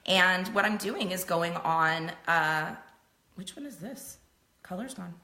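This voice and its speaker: Bright-voiced chatty middle-aged woman. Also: on the low side, lively intonation, slow. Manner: chatty, laughs often. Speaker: host selling makeup. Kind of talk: casual live-stream chat. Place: home room. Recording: echoey room.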